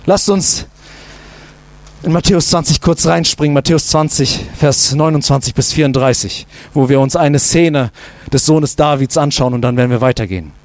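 A male pastor preaching a sermon emphatically, using repeated rhetorical questions and dropping to a low voice for emphasis. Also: moderate pace.

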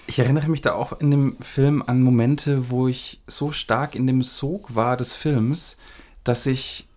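A man talking about a film in a measured, analytical way, building long sentences with small fillers. His voice sits at a middle pitch. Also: steady tone, darkish tone. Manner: thoughtful, elaborate sentences with fillers. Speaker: film discussion co-host. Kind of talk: analytical conversational talk.

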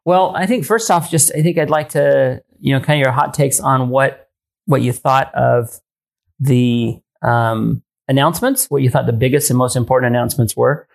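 A man co-hosting a tech podcast, talking casually in a rambling, hesitant way with many pauses and frequent laughs. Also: mid-range voice, gravelly. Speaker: podcast co-host.

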